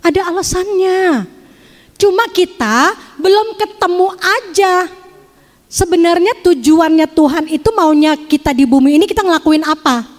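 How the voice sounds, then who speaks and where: A woman gives a lively, joking testimony to an audience, speaking to them directly. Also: very high voice, normal speed. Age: 50s. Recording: long hall reverb.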